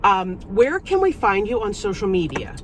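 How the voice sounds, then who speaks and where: A woman's voice: medium pitch, big pitch swings, moderate pace. Female host, casual conversational interviewing, recorded in a car with faint background noise. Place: inside a parked car.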